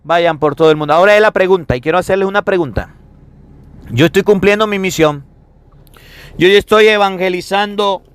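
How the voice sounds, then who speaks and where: Emphatic high-voiced priest preaching. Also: male voice, a little fast, long pauses, clean tone. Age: 30s. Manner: emphatic, repetitive preaching with rhetorical questions. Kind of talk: sermon.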